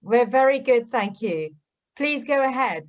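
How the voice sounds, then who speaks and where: Woman host, brisk upbeat delivery, higher voice, muffled lo-fi sound. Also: expressive. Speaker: contest host. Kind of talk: hosting an online contest.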